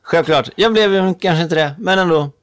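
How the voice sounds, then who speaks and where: A man's voice: fairly high pitch, moderate pace. A man with a Swedish accent co-hosting a podcast, reacting with short replies and laughter in casual chat. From Sweden. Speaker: podcast co-host.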